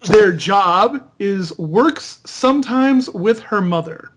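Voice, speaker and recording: A man's voice: high-pitched, expressive, takes it slowly. A man hosting an unscripted podcast critique, reading a character bio aloud and stopping to mock and correct it. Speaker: podcast host.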